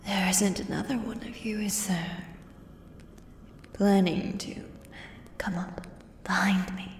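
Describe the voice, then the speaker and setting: A woman's voice: medium pitch, steady tone, slow. A woman in an ASMR role-play, voicing a menacing female axe-wielding beast with a predatory, taunting beast-man drawl. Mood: amused, probing. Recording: echoey cavern-like reverb, audible background noise.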